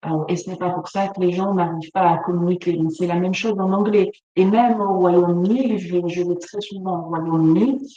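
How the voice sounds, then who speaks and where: A woman's voice: on the low side, steady tone, normal speed, few pauses, dark tone, lo-fi sound. A woman presenting a webinar, speaking spontaneously with many fillers and restarts. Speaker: webinar presenter, business facilitator. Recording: distant mic in echoey room, faint noise.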